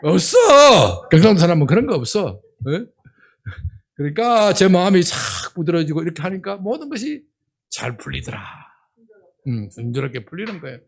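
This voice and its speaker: An older man with a Gyeongsang accent preaches from a church pulpit. His voice sits high for a man and swoops up and down with lively expression. He jokes and keeps prodding the listeners for a response. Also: moderate pace. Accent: Gyeongsang Korean. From Gyeongsang region of Korea. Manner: animated, humorous, keeps asking the congregation "예?". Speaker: senior pastor. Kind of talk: sermon. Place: church sanctuary.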